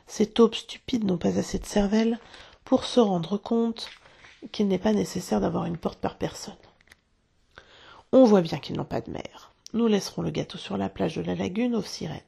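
Gloating cruel pirate captain, talks through clenched teeth, husky dark voice, a woman doing him. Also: mid-range voice, normal speed, full character voice. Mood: scheming.

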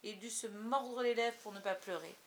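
A woman narrating a story in a wry, gently ironic reading style, over a faint hiss. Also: mid-range voice, moderate pace. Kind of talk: audiobook reading.

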